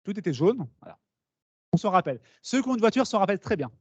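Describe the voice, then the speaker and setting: A man giving a lively conference talk to students, explaining with asides and questions to the audience. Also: sits high, fast talker, slightly rough, no echo. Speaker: speaker at a talk. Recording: dull, slightly lo-fi meeting recording.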